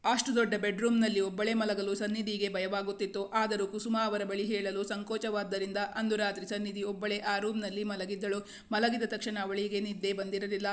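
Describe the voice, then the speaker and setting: Woman narrator for romance audiobook, steady read, very flat pitch. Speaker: storyteller. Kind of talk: scripted story narration.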